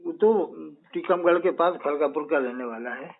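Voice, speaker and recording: Male channel owner, high voice, firm adviser, heard over a phone line. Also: normal speed. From Madhya Pradesh, India. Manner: assertive, advising, ends points with "right?". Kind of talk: casual phone conversation.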